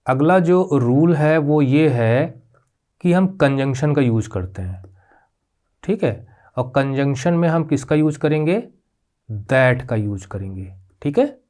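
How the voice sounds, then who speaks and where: A male teacher talks over his slides at a middle pitch, patient and methodical. He slows down to spell out key terms and keeps checking in with his students. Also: lively intonation, a little mellow. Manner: patient, repeats "ठीक है?" checks with rising pitch; spells out terms slowly, mixing English words into Hindi. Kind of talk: classroom grammar lesson.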